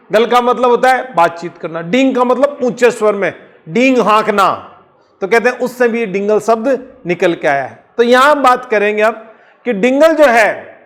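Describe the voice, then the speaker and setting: High-voiced male teacher lecturing. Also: expressive, a bit bright. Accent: Rajasthani. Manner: explains slowly, repeats key points, asks and answers his own questions. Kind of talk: exam-prep lecture.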